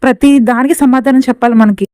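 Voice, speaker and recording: A woman's voice: high-pitched, fairly even intonation, brisk, dark tone, no room sound, natural voice. A woman voicing an angry young woman in a serial recap, speaking bitterly and heatedly. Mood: indignant.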